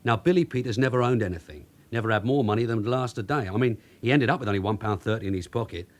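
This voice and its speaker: In this radio drama role, the London detective sergeant is voiced by a man whose natural voice sits fairly low. He's streetwise and brisk, with colloquial, teasing talk in a London accent, coming across wry and bossy.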